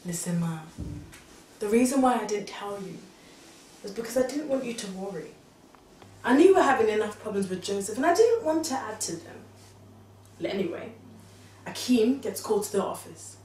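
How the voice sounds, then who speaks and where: A woman's voice: medium pitch, normal speed, long pauses, close to an everyday voice. Actress doing a young wife dishing to her mum, voice all over the place, far from the mic with faint hiss. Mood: worried. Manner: animated storytelling, exclaiming then hushed. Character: young married pregnant woman recounting office layoffs. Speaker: daughter confiding in her mother. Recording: distant, roomy sound with faint background noise.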